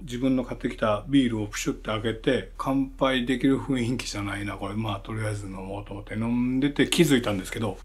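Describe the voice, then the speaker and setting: A man with a Kansai accent telling a true ghost story in a lively, animated way, acting out the people in it. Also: mid-range voice. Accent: Kansai Japanese.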